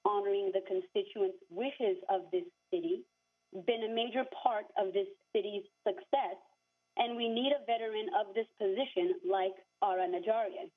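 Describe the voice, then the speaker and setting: A woman's voice: medium pitch, steady tone, normal speed. A woman calling in over a phone line to a council meeting, reading a formal, earnest prepared comment. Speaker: public comment caller.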